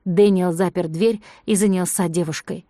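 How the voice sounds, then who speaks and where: Woman narrating in a mellow, dry voice. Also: lowish voice, steady tone, moderate pace, no room sound. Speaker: audiobook narrator. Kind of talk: scripted narration.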